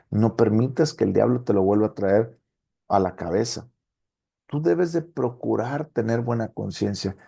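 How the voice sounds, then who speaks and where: A gravelly, husky male pastor leads a Bible study, reading verses aloud and checking with his listeners as he goes. His low, dark-toned voice rises and falls as he preaches with animation. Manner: animated preacher, asks rhetorical questions and reads verses aloud.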